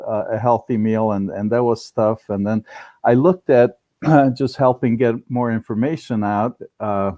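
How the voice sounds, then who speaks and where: Fairly low in pitch and fairly even in intonation, this older business founder talks unhurriedly and sincerely in an interview, frequently starting sentences over. He was born in Romania and grew up in Cleveland, US; the recording is dry with the highs cut off.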